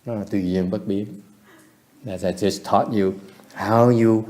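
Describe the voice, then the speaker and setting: A man's voice: on the low side, fairly even intonation, a little slow, darkish tone. A man giving a retreat dharma lecture in a temple hall, switching between English and Vietnamese and chuckling often. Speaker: meditation teacher.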